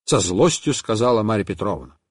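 A man reads a children's story aloud with playful animation. His voice sits fairly high and leaps widely in pitch, captured dry and close with no room sound. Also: big pitch swings, normal speed, darkish tone, dry recording. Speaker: reader. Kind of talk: expressive children's story reading.

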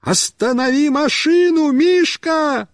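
Man putting on a frantic little boy, high pleading yells, dry close storybook sound. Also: slow, no room sound, exaggerated voice. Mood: panicked shouting. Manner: shouting, pleading. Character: panicky young boy stuck on a runaway ride.

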